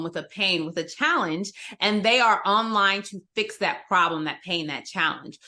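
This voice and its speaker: A woman's voice: fairly low pitch, bright, forceful tone. A woman sales trainer teaching in an online workshop, emphatic and direct, over a video call.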